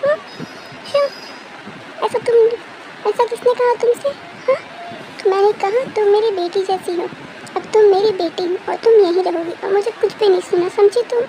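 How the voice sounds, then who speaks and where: A woman voicing a caring mother figure who coaxes gently and then lays down the law. Her tone stays very high and soft, with a quiet hiss of noise behind it in a fan-made dub story. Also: moderate pace, long pauses, rough recording. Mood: soothing. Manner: soothing, coaxing, firm. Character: caring motherly aunty, warm and firm.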